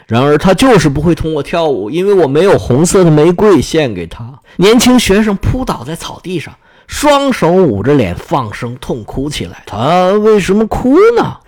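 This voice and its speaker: A man reading a fairy tale aloud as storyteller, expressive and dramatic. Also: on the high side, normal speed, hardly any pauses.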